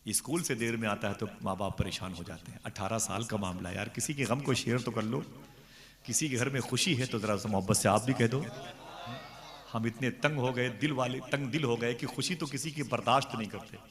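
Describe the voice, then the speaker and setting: A man preaching at a devotional gathering, telling a story in an animated way, acting out its dialogue and putting questions to his audience. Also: medium pitch, fairly quick. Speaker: religious speaker at a devotional gathering. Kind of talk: sermon storytelling. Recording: long reverb of a large hall.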